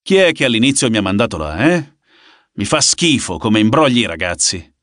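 A man's voice: fairly low pitch, big pitch swings, brisk, fairly bright tone, dry recording. Audiobook: sneering young tough, taunting and menacing; voiced by male reader, dry close read. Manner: mocking, taunting. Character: sneering menacing young man, hot-tempered.

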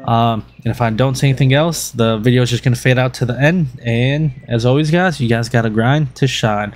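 Talking fairly quickly in a medium pitch, a motovlogger narrates his ride in a casual, earnest voice-over that wanders and is packed with fillers and restarts. A little hiss or hum runs through the recording.

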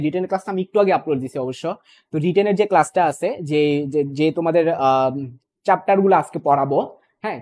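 A man's voice: high voice, darkish tone. A young man teaching an online physics exam-prep class, repeating points and checking in often with his students. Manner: fast, repetitive, checks in with "okay?" and "clear?". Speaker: physics tutor.

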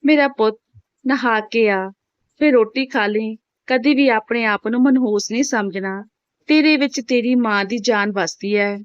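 A loving widowed mother soothes her heartbroken daughter, voiced by a woman narrator. Her tone stays soft and tender, and the recording is dull and dry. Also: on the high side, a little slow, no echo, natural voice.

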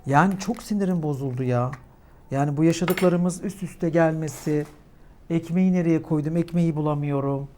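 A young woman vlogging at home while she eats, telling her story with animated, dramatic energy and a clip-on mic. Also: moderate pace, slight background noise. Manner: animated, dramatic storytelling that climbs in pitch when agitated. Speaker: mukbang vlogger. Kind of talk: casual chat while eating.

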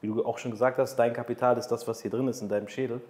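In a studio room with a city view, a man in his thirties hosts an interview podcast, posing questions and hammering home motivational points. His mid-range voice is level, a little mellow, and very fast, picked up by a desk microphone on a boom arm with a roomy sound.

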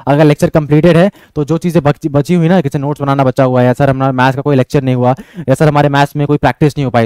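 A man's voice: a little high, a little mellow, clear, resonant tone, no room sound. A young man coaching students on exam strategy, direct and insistent, who keeps checking in with his listeners. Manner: fast, repeatedly checks in with "ठीक है?".

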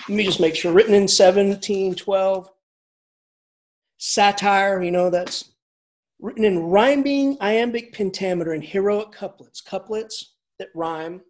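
Speaking unhurriedly in a high-pitched voice, this man plays an English professor whose lecture is loose and lively. He keeps starting sentences over and laughs softly through his side comments.

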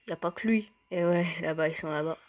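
A woman's voice: lowish voice, quick pace, darkish tone. A playful young woman giving casual gameplay commentary, talking to the game characters and breaking into squeals and laughs. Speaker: gaming youtuber.

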